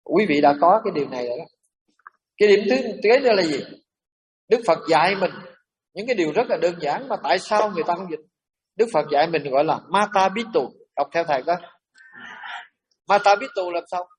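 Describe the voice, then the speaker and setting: Emphatic monk. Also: male voice, high-pitched, lively intonation, fairly quick, pauses often, far from the mic. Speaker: Buddhist monk teacher. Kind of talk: sermon to a congregation.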